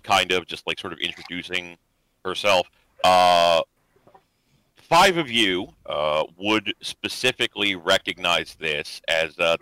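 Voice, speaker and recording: A man's voice: deep voice, bright, forceful tone, clean tone, dry recording, low-quality recording. A man narrating as game master for a tabletop game, loose and full of fillers.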